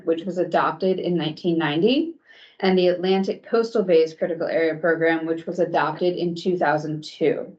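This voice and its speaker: Staff presenter, female, low voice, steady briefing, dull lo-fi video-call audio from a screen-recorded meeting. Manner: measured, clear, with some hesitant ums.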